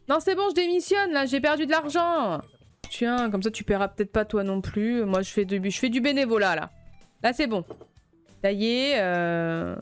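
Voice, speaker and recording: A woman streaming a video game, chatting playfully with the game's customers and breaking into flustered outbursts when things go wrong. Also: medium pitch. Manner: flustered outbursts and shouting at chaos. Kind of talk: let's play commentary.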